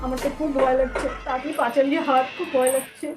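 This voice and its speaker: A woman playing a frightened elder sister who hurries her younger sister along a dark road, nervous and repeating herself, with music behind. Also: high-pitched, little pitch movement, very fast, recorded from a distance, close to an everyday voice. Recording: background music.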